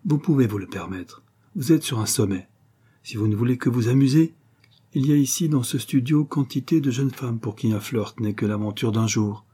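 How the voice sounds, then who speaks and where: A man's voice: medium pitch, normal speed, mellow, slightly rough, natural voice. A man reading aloud and voicing an anxious, plain older woman who pleads earnestly in a storybook. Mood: subdued pleading. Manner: earnest pleading, rising to outcry.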